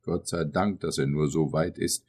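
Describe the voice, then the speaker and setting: A man's voice: rumbling low, steady tone, moderate pace, a little mellow, husky, exaggerated voice. A man reading an audiobook, voicing a grieving old mother who pities her mad son. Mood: lamenting. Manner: lamenting, pitying.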